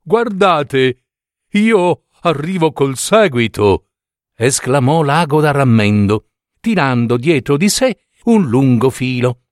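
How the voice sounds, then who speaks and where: A man reads a fairy tale aloud, taking his time. His pitch rises and falls with the story. The recording is dry and close. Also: dry recording. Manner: unhurried, expressive storytelling. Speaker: narrator. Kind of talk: scripted fairy-tale narration.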